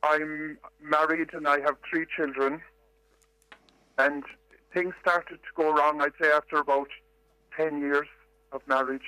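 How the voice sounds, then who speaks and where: An older Irish woman calling in to a radio show, her voice disguised by a pitch-altering distortion, telling her story in a measured, reflective way with hesitations. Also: steady tone, pushed and bright, dry recording. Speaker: caller. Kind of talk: phone-in radio call.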